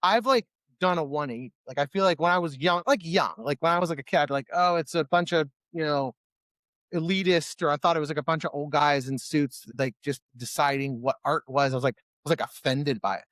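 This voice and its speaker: A chatty musician guest from Ohio, USA, talks casually in a slightly high voice, fairly quick and with no echo. He rambles with many restarts and fillers, getting animated when quoting himself.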